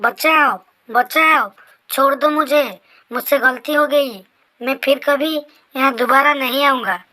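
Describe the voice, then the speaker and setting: A woman's voice: high voice, slow, pushed and bright, full character voice. A woman voicing a reckless teenage boy in a Hindi horror story, who ends up pleading in fear. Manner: pleading, apologetic.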